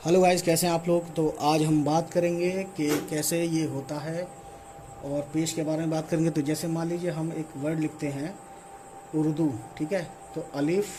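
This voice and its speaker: A man's voice: fairly high pitch, darkish tone, a little hiss or hum. A man teaching reading as a casual online lesson, spelling out letters and checking in after each point. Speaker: Urdu teacher.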